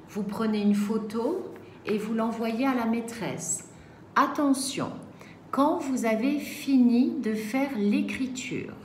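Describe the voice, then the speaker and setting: A woman teaching a reading lesson to young children, sounding out each syllable slowly and carefully. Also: fairly high pitch, darkish tone. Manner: slow, carefully articulated syllables. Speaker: primary school teacher. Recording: echoey room, faint background noise.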